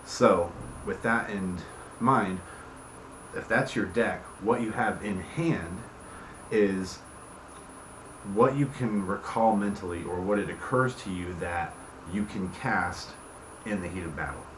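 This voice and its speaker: Taking it slowly in a low voice, a host who created the game explains its rules casually. He regularly checks on the listener with "okay," "right," and "you see what I'm saying," against a roomy echo and clear background noise.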